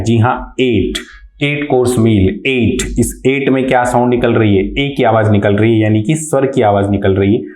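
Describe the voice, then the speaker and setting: A man teaching English grammar in a slow, deliberate way, answering his own questions and repeating key terms. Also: medium pitch, darkish tone. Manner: asks questions and answers them himself. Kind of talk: explanatory lesson. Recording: echoey room.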